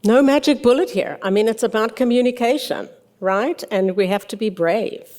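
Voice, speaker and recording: Older woman, mellow tone, frank conference speaker, conversational answers, long room reverb. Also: on the high side, normal speed. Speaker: conference presenter. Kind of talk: answering audience questions, informal talk. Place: large hotel ballroom stage. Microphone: podium microphone.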